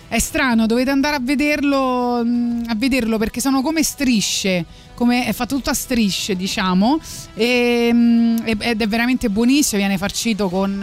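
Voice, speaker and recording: Female radio presenter, mid-pitched, casual and rambling, music underneath. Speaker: radio host. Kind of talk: casual live radio chat.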